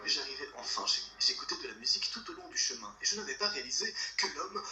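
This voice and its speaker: A man telling a creepy story in a playful way, often dropping into hushed whispers. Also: on the high side, lively intonation, fast. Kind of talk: horror story narration with jokes. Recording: echoey room, distant mic, music. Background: loud music.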